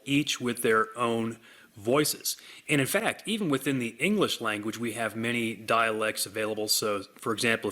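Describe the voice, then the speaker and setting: Bright upbeat man demoing software. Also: medium pitch. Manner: upbeat salesy walkthrough. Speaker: software demo host. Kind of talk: product demonstration.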